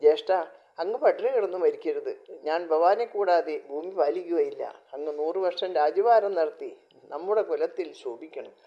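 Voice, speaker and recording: A man's voice: a little high, moderate pace, natural voice. A man voicing a younger brother begging his elder brother, read plainly in a storybook telling on a dull lo-fi recording. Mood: pleading. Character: pleading younger brother of a king.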